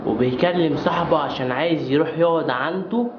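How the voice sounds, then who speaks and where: Teasing Egyptian man, quick talker. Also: fairly high pitch, highs cut off. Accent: Egyptian Arabic. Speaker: comedy sketch actor. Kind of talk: Egyptian comedy sketch acting. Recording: echoey room with faint noise.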